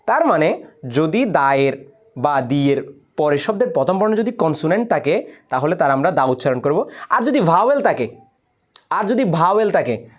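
Young guy teaching english grammar, fairly high voice that jumps all over, keeps checking if you get it. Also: moderate pace, pauses often. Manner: lively, questioning the listener directly. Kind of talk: explaining grammar to students.

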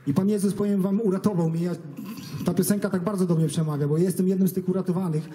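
A man giving an earnest, halting personal testimony to an audience, with many restarts, nervous before the crowd. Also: high voice, steady tone, warm tone. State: nervous, stage fright.

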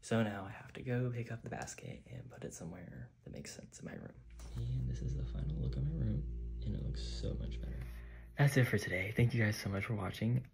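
A young adult man vlogs casually about cleaning his home, chatting away with plenty of "like" fillers. His voice sits on the low side and is gravelly and a little mellow. He films on a phone camera that moves around his bedroom, and the recording quality is low.

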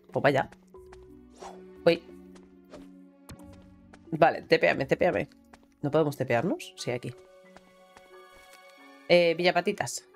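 A woman with a Spain Spanish accent chats her way through a video game, bursting into exclamations and casual swearing. Her voice sits low but swings widely in pitch. Faint game music plays beneath her. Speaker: gaming streamer. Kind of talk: casual gameplay commentary.

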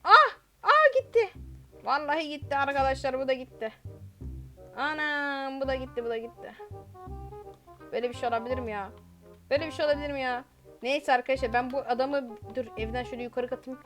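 High-voiced woman narrating her game. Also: steady tone, fast, long pauses, over music. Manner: chatty, exclamatory, reads typed chat aloud. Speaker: gaming channel host. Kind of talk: game commentary while reading chat aloud.

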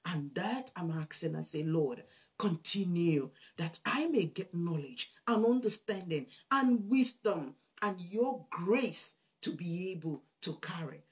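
A woman preaching with fervor, her voice pitched in an ordinary middle range. She reads scripture in old-fashioned wording, swells loud on key words and drops soft on asides. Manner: addresses listeners as brethren. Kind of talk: sermon with scripture reading.

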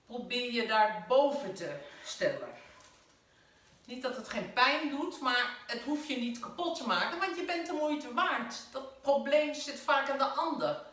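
A woman with a Dutch accent, a spiritual caregiver giving a gentle, conversational sermon from home. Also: high voice, measured pace, recorded from a distance. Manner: gentle, conversational preaching with fillers. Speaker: spiritual caregiver leading a service. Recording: very echoey room, voice off-mic.

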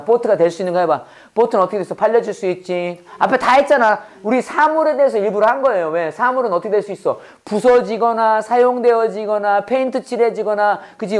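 A man teaching an English lesson in a loose, chatty classroom manner. He fires off quick questions, answers them himself, and repeats key words. The English phrases come out slow and carefully spaced. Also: high-pitched. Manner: reads English phrases slowly and deliberately. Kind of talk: casual classroom lecture.

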